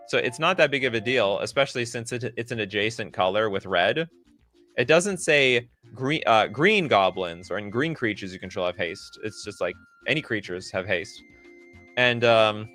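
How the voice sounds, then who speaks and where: A man streaming live, reacting loudly and sarcastically while rating cards and answering chat. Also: mid-range voice.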